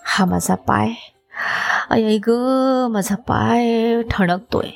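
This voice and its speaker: A crafty wise man moaning and dragging out his words over a pretend sore foot, as a woman storyteller puts him on. He speaks slowly, with a mellow, unhurried voice and a hint of mischief in the groans. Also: medium pitch, fairly even intonation, gravelly, soft background music. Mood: sly complaining. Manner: groaning, drawn-out complaints. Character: sly wise man feigning a painful foot.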